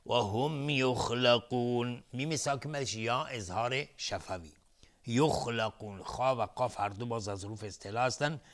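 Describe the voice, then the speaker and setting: A man teaching Quran recitation rules on television, explaining methodically and repeating sounds as drills. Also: mid-range voice. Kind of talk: tajweed lesson explanation. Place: television studio.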